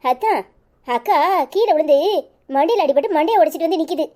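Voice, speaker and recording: A woman with a Kanyakumari Tamil accent voicing a calm, reassuring young woman in a cartoon. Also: very high-pitched, brisk. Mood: urgent. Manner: soothing, reassuring. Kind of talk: cartoon voice acting.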